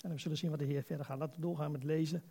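A man's voice: on the high side, fairly even intonation, very fast, gravelly, mellow, breathy edge. A man preaching an informal, conversational sermon as a pastor, exhorting his listeners and putting rhetorical questions to them.

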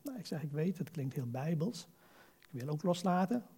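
A man's voice: a little high, very animated, normal speed, warm tone, husky. A man in his sixties preaching a sermon, earnest and exhorting, leaning on rhetorical questions.

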